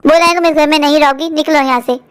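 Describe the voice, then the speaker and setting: A woman voicing a harsh, bossy cartoon stepmother who nags and scolds in a quick, high voice. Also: steady tone, natural voice. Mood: harsh scolding. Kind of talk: cartoon story voice acting.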